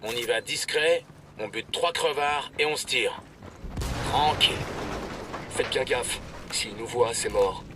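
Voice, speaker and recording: An actor playing a cocky, slangy special forces soldier in video game squad dialogue. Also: male voice, medium pitch, unhurried, long pauses, distant mic, background noise, natural voice. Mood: cocky, wary.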